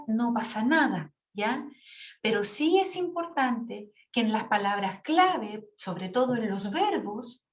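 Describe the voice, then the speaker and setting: Female teacher, higher voice, on a video call, clear step-by-step explainer. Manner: explanatory, checks understanding with frequent "¿ya?". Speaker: English teacher. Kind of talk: online class instruction.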